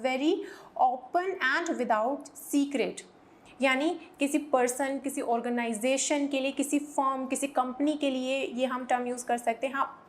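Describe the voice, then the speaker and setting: High-voiced woman teaching English vocabulary. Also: a little mellow. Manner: explains in Hindi, reads English examples slowly and clearly; urges viewers to repeat pronunciations aloud. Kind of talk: vocabulary lesson.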